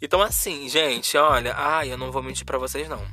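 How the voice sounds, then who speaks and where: A man with a Brazilian Portuguese accent hosting a casual solo podcast chat, theatrical and slangy, with drawn-out sighs and whispered asides. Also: medium pitch, steady tone, music in the background. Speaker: podcast host.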